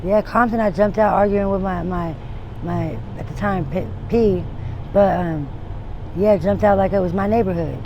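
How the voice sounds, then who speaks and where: A woman's voice: medium pitch, normal speed, mellow, highs cut off. A woman in her forties giving a candid street interview, rambling and frank with many restarts and trailing thoughts. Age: 40s. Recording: noisy outdoor street recording with traffic.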